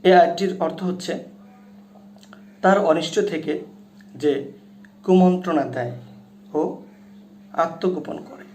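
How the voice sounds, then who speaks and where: Man, high mellow voice, patient tutor addressing viewers and chanting verses drawn out, roomy echo. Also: steady tone, unhurried, long pauses. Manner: addresses viewers directly and repeatedly. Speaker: Quran recitation teacher. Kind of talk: tutorial on Quran pronunciation and tajweed.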